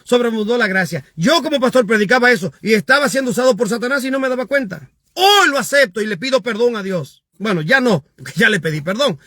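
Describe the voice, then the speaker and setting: A man, a pastor, preaching emphatically and reading out viewer comments, rising to shouts on his key points. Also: high voice, dry recording, studio quality.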